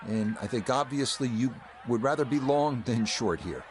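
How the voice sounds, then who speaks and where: A man giving golf commentary in a measured play-by-play manner with wry understatement. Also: medium pitch, noisy background. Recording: music and crowd behind voice.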